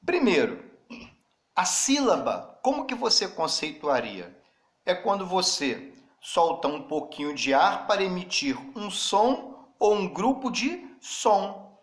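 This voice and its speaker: Man, teacher, slightly high voice, unhurried, spells things out, echoey room. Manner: slow and deliberate, spells out letters, addresses students directly. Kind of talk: classroom grammar lesson. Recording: roomy echo.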